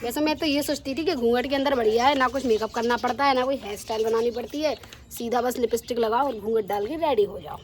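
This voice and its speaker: A young woman chatting casually to her vlog viewers, teasing and animated. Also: on the high side, fast. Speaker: vlogger.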